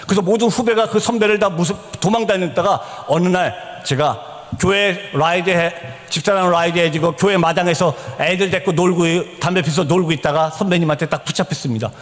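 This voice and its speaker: A middle-aged man, a missionary, telling his conversion story as a church testimony in an animated, storytelling way that rises to shouts. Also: sits high, brisk. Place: church sanctuary. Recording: church hall reverb.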